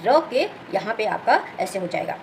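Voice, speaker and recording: A woman's voice: medium pitch, sing-song, moderate pace, slight background noise, poor audio. A woman teacher, explaining a grammar lesson step by step and checking often that students follow. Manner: explains step by step, often asks "clear?" and says "okay".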